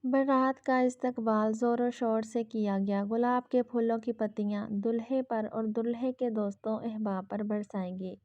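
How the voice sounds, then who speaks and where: A woman narrating a romance novel aloud in a smooth, even storytelling manner, in a dull lo-fi recording. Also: on the high side, hardly any pauses, no room sound.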